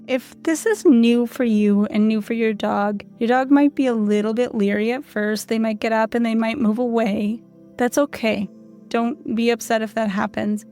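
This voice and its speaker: Soothing woman guiding a lesson. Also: on the high side. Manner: calm, soothing, unhurried instructions. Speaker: canine rehab instructor. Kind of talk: guided audio lesson.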